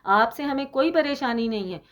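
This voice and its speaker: A woman's voice: on the high side, animated, moderate pace, fairly bright tone. A woman from Pakistan giving an opinionated commentary monologue as a YouTuber, indignant and sarcastic, scolding with emphasis.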